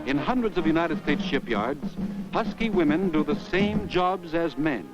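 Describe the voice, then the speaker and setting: A male announcer with a fairly high voice, heard from an old wartime newsreel soundtrack. His delivery is brisk and emphatic, in the style of 1940s newsreel commentary. Music plays clearly behind him. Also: animated, muffled recording.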